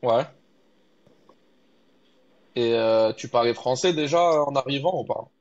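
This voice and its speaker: A podcast host runs a casual interview, asking questions in a friendly, conversational way. His mid-range voice is darkish and a little slow, and the recording sounds muffled.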